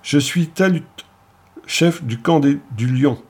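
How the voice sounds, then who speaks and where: A man's voice: on the high side, slow pace, a little mellow, slightly rough. A man voicing a giant, jovial male clan chief who talks bluntly and heartily in an audiobook story. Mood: hearty.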